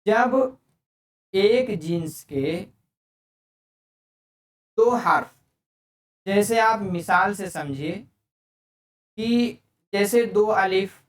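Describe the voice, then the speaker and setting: Slow, patient male language teacher. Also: sits high, lively intonation, far from the mic. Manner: explains patiently, repeats terms in several languages. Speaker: Arabic teacher. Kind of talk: online grammar lesson. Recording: echoey room, speaker away from mic.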